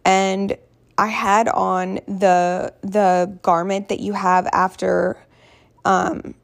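A woman with a hoarse voice telling a personal story casually, in a candid, rambling, self-deprecating way. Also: mid-range voice, little pitch movement, drawn-out words. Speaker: vlogger.

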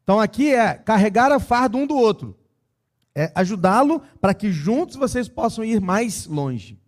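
A man preaching a sermon and telling a story, swinging between loud emphasis and quiet tenderness. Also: high-pitched, sing-song, moderate pace.

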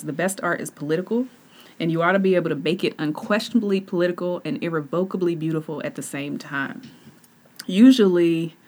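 Low-voiced woman podcast co-host. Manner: laughing, easygoing. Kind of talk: casual conversation.

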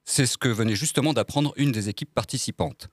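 A man narrates a scripted comic report in a wry, playful voice. His pitch is mid-range. The sound is dry and close. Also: a little fast, husky, no echo. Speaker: co-host narrator.

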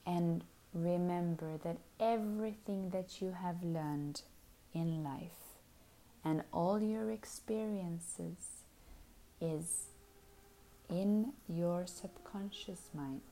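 A woman leads a hypnosis session in a very slow, unhurried drawl. Her voice is low-pitched and mellow, soft and soothing, with many phrases dropping into a breathy whisper.

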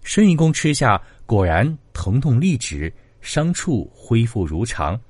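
A man narrating classic ghost tales in a dramatic, expressive storytelling style. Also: measured pace, husky, no room sound. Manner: expressive, swinging pitch for drama.

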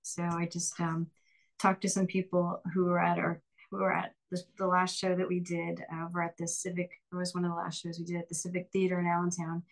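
A woman's voice: lowish voice, monotone, a little fast, rough recording. A woman guest in an interview, talking in a chatty, upbeat way with plenty of fillers and laughs. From Pennsylvania, Lehigh Valley. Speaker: singer and bandleader, interview guest. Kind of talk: casual interview conversation.

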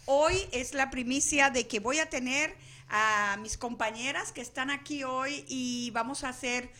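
A woman's voice: high-pitched, unhurried, sharp tone. A woman from Venezuela hosting a radio talk show in a studio, chatting loosely with many restarts. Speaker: radio host. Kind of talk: casual studio chat.

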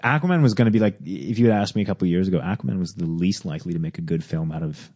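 A man co-hosting a casual movie podcast, sharing opinions in a hesitant way with many pauses and restarts. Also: sits low, darkish tone, breathy edge. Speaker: podcast co-host. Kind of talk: casual chat.

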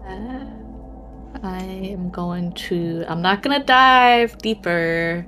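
A woman's voice: medium pitch, slow, pushed and bright. A woman chatting casually as a player in a tabletop game. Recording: faint music behind the voice.

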